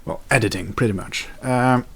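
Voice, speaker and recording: A man's voice: mid-range voice, vocal fry, husky. A young man chatting casually in a daily vlog, rambling with fillers and self-corrections. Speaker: video blogger.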